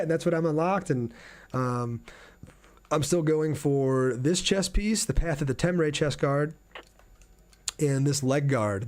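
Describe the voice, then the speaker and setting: A man with a mid-range, slightly mellow voice plays a game on a casual livestream he hosts. He chats with viewers and thinks out loud as he goes.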